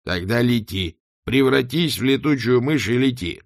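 A man reading an audiobook, voicing a very old dead male wizard who speaks calmly and matter-of-factly. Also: mid-range voice, moderate pace, no echo, studio quality, voice pushed up, lightly acted. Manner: calm, matter-of-fact, gently ironic.

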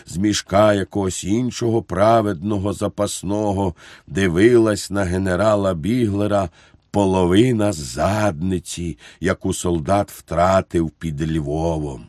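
A man narrating an audiobook with a deep, low voice. He reads slowly and deliberately, and the recording is close and dry with no room sound. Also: darkish tone, no room sound. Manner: measured, deliberate reading.

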